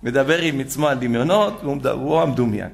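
Gravelly-voiced man telling a sermon story. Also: medium pitch. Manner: animated storyteller, addresses listeners as "gentlemen", acts out quotes. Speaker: religious lecturer.

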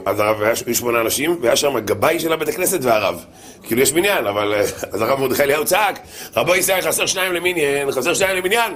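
A man preaching a humorous sermon, telling anecdotes in an animated way with many repetitions. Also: medium pitch.

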